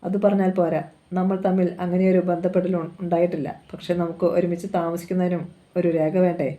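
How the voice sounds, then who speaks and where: A woman voicing a torn, frightened young woman in a read-aloud novel, in a plain, even reading voice. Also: fairly low pitch, fast talker, muffled recording, lightly acted.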